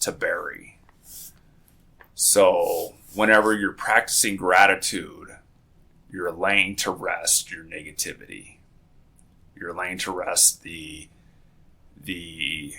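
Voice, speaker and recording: Hosting a casual podcast, a man sounds half-awake in the morning, rambling along and repeatedly restarting and fixing his sentences. His voice sits low with a fairly bright tone.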